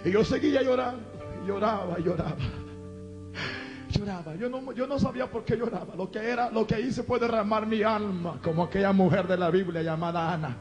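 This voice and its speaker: A man's voice: sits high, a little fast, highs cut off, soft background music. A man from El Salvador with a Salvadoran Spanish accent, a former gang member giving an impassioned testimony from a church pulpit. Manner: impassioned, fervent preaching, bursts into shouting, speaks in tongues.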